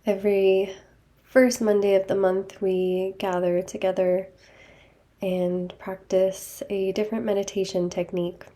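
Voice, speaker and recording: Slow, soft-voiced woman guiding meditation. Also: mid-range voice. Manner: slow, gentle and soothing. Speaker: meditation guide. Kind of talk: guided meditation.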